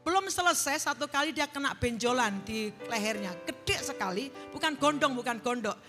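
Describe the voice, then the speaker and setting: A woman's voice: a little high, moderate pace. A middle-aged woman preacher giving a sermon with a personal testimony, telling her story earnestly and leading the congregation in call-and-response. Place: large church hall. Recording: church hall reverb, faint music.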